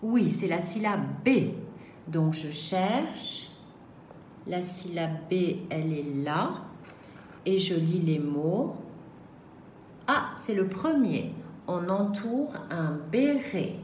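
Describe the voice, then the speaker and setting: A woman teaching a reading lesson to young children, sounding out each syllable slowly and carefully. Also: fairly low pitch, lively intonation, a little mellow. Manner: slow, carefully articulated syllables. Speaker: primary school teacher. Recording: echoey room, faint background noise.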